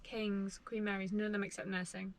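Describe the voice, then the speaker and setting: A woman's voice: mid-range voice, level tone, a little fast. A woman in her twenties, a medical student vlogger, chatting casually and informally to camera in a self-deprecating way. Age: 20s. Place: inside a parked camper van.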